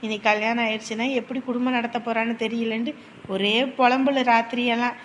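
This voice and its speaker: An actress playing a warm-hearted married aunt, talking earnestly. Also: female voice, on the high side, flat delivery, brisk, a little hiss or hum, lightly acted. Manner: earnest, consoling, talkative. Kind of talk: village family drama.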